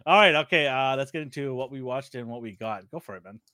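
A man's voice: mid-range voice, quick pace, no room sound, studio quality. A middle-aged man co-hosting a podcast in casual chat, joking around and laughing often. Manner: jokey and animated, laughs often. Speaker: podcast co-host.

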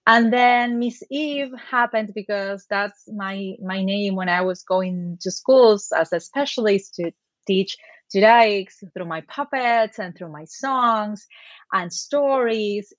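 A woman's voice: mid-range voice, dry recording, muffled recording. Woman, dry close sound. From Buenos Aires, Argentina. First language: Spanish. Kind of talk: interview conversation.

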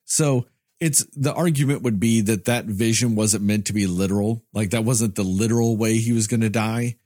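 A man's voice: on the low side, moderate pace, darkish tone, no room sound, studio quality. A man co-hosting a movie review podcast who rants sarcastically and swears freely. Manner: sarcastic, ranting, profane. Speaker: podcast co-host. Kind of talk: casual movie review chat.

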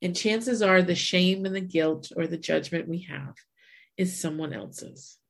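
Woman, 40s, low-ish voice, earnest reflective chat co-host. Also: fairly even intonation, measured pace, creaky. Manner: earnest, reflective, many restarts. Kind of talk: casual chat.

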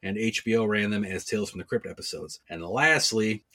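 A man co-hosting a podcast, giving informative recaps and reviews in a casual chat with deadpan jokes. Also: lowish voice, a little fast. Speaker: podcast co-host.

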